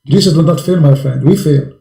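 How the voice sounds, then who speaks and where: A male preacher with a gravelly, dark, mellow voice pleads with a caller. He asks question after question and speaks English with non-native grammar. His voice rings in a roomy, echoing space. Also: fairly high pitch, fairly quick.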